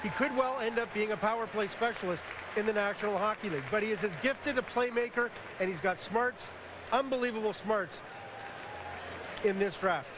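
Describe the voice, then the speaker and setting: High-voiced analyst on worn VHS tape. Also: male voice, moderate pace. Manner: emphatic, detailed, dryly humorous. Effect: hissy worn VHS tape copy. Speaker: television hockey analyst. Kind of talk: live sports broadcast analysis. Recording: hissy old videotape broadcast with crowd.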